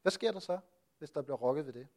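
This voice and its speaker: A man's voice: a little high, lively intonation, a little mellow. A man with a slightly raised voice gives a Bible teaching. He keeps asking rhetorical questions and stops often with hesitant fillers. He sounds like a preacher explaining a passage to his listeners.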